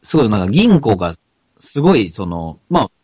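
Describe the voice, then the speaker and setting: A young man with a Kansai lilt talks through a manga in a relaxed, chatty way, his pitch rising and falling a lot. The sound is dry, close, and slightly dull, like a modest home podcast setup. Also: fairly quick, husky, dry recording. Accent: Kansai Japanese. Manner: relaxed, chatty, reads a passage aloud. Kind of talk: casual chat.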